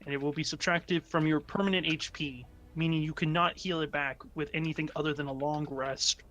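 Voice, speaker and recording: A man narrating a tabletop game as game master, often halting and correcting himself. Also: fairly high pitch, fairly even intonation, fairly bright tone, dull audio, slight background noise. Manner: halting, self-correcting delivery.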